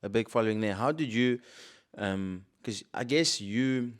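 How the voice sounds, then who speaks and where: Low-voiced man hosting a podcast. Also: a little slow. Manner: relaxed, chatty questioner. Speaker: podcast host. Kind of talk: casual interview chat.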